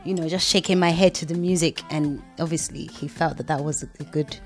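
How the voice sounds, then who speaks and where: A young woman from London, with a low voice and London English accent, is interviewed casually as a singer. She tells stories chattily, laughs easily, and keeps going through restarts, her tone steady over faint background music.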